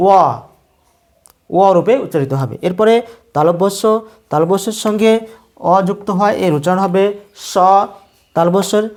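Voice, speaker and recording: A teacher giving a slow, methodical pronunciation lesson, saying each sound several times. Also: mid-range voice, darkish tone.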